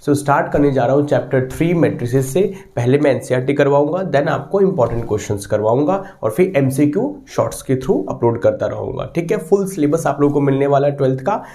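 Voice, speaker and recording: A man's voice: mid-range voice, fast talker, few pauses. A man teaching a maths lesson to students, talking them through each step and often checking with them. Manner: animated, repeats "ठीक है" and asks students questions. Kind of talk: online maths lesson in Hindi mixed with English.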